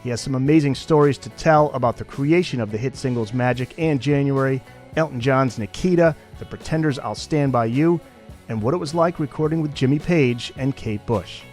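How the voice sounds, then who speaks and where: A man hosting a podcast, reading a lively scripted intro and then interviewing his guest. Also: mid-range voice, normal speed, soft background music. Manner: upbeat announcer-style delivery. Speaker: podcast host.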